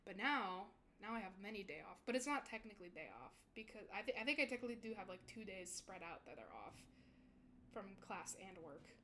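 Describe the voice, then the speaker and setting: A woman's voice: mid-range voice, expressive, brisk, sharp tone, slight background noise. A young woman VTuber chatting casually with her stream viewers, rambling and giggling often.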